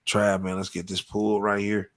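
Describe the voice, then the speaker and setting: Man, host, casual live banter, cussing and emphatic, fairly low voice. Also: completely flat delivery, moderate pace, fairly bright tone. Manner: profane, emphatic, repeats "you know what I'm saying". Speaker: podcast host.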